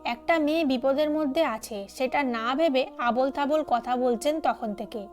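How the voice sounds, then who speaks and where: A woman's voice: sits high, moderate pace, soft background music, natural voice. Woman voicing Arnab, an earnest young man. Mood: concerned. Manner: earnest, protective. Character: concerned young man, protective groom.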